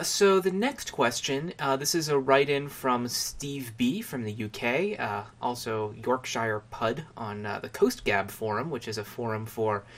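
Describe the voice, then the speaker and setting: Animated man hosting a chatty podcast. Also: medium pitch. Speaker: podcast host. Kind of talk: casual chat, reading listener questions.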